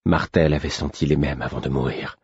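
A man reading a first-person fantasy audiobook in a steady, measured way. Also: a bass voice, breathy edge, dry recording, lo-fi sound. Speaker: audiobook narrator.

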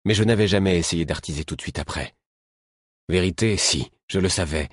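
Deep husky male narrator. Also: dry recording, clean studio sound. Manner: measured, lively storytelling. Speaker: audiobook narrator. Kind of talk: scripted narration.

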